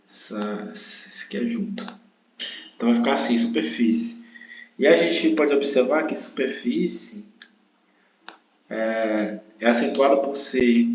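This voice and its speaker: A man with a Brazilian Portuguese accent, a teacher patiently explaining a grammar exercise and drawing out words syllable by syllable. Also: medium pitch. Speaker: online exam-prep teacher. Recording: roomy, dull lo-fi sound.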